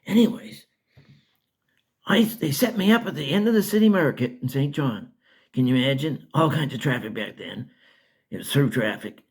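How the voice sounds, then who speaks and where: An older man from Canada telling a folksy, rambling childhood story in a casual, lively way. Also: mid-range voice, gravelly, husky. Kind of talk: casual spoken memoir.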